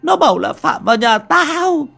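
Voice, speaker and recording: A woman's voice: sing-song, moderate pace, gravelly, fairly bright tone, soft background music, heavily acted. A woman playing a panicked village wife who wails and begs for help through her tears. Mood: terrified pleading. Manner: wailing, shrill and tearful. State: crying.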